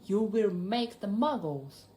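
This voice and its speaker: A woman with a Japanese accent voicing a stern older witch in a storybook reading, speaking in a brisk, scolding way. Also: mid-range voice, expressive, dark tone.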